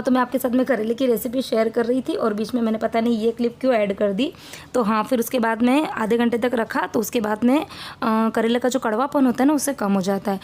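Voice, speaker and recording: Chatty woman vlogger with a mellow voice. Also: fairly high pitch. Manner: chatty, rambling, homely cooking talk. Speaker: family vlogger. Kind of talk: casual vlog narration.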